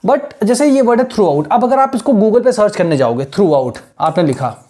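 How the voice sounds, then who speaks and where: A man giving a classroom lecture as an English teacher, explaining patiently in mixed Hindi and English and spelling words out slowly. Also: sits high, animated, warm tone. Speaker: English teacher for exam aspirants.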